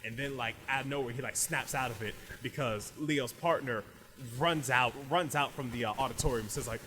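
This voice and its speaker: Talking fairly quickly in a pushed, bright, mid-range voice, an anime podcast host rambles his way through a casual recap. "Like" turns up in almost every phrase, and he keeps starting over.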